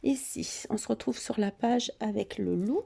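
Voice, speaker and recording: A woman casually showing her scrapbook album, hesitant and full of fillers, often dropping into a soft half-whisper. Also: on the high side, moderate pace, gravelly, husky. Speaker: scrapbooking vlogger. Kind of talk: casual craft show-and-tell.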